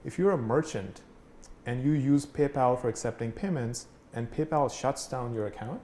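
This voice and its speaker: A man's voice: mid-range voice, moderate pace, mellow. Casual man explaining, echoey room. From Pakistan. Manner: casual, many fillers and "right?" checks. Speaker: instructor. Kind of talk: explanatory conversation. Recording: echoey room, faint noise.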